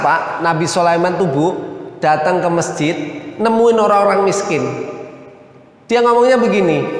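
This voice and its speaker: High-voiced preacher man in a mosque. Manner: chatty, addresses the audience as Pak and Bu, laughs often. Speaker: Islamic preacher. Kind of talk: lively mosque study talk. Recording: roomy, reverberant mosque hall.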